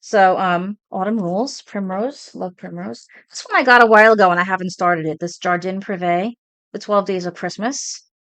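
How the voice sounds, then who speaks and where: A chatty woman in her forties with a Brooklyn accent talks through her craft projects, rambling happily from one piece to the next. Her voice sits at an ordinary middle pitch, and the sound is dry and close with hardly any room to it. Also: normal speed, no echo. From Brooklyn, New York. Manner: chatty, rambling, excited about her stitching. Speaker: cross stitch vlogger. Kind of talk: casual show-and-tell chat.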